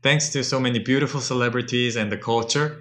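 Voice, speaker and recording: A man's voice: mid-range voice, fast talker, fairly bright tone, slight background noise. A man from South Korea presenting a scripted video in English with dry humor. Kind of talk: scripted commentary.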